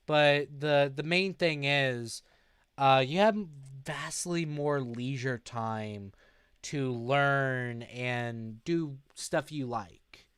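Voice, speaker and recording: A sleep-deprived young man chats slowly on his live stream and answers viewers' messages as they come in. His voice is clean and clear, in a dry, close room with no echo. He is relaxed and unhurried, drawing out his words. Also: mid-range voice. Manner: slow, sleepy, reads chat aloud. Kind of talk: casual live-stream chat.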